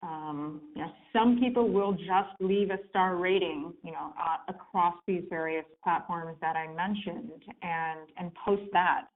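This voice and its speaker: A woman comes through a conference call with a narrow, tinny phone sound. Her voice sits a little low, and she explains things in a relaxed, filler-heavy way as a guest expert. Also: unhurried, few pauses. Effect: heard over a conference call phone line. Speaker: guest expert on client reviews. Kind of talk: conversational explaining. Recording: tinny phone-line teleconference audio.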